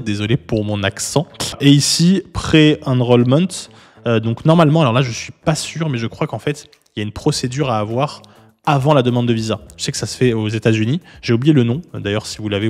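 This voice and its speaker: Man, casual online explainer, chatty and relaxed, fillers, mid-pitched voice, long room reverb, faint background music. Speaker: YouTube host, legal consultant. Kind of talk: casual explainer with screen walkthrough.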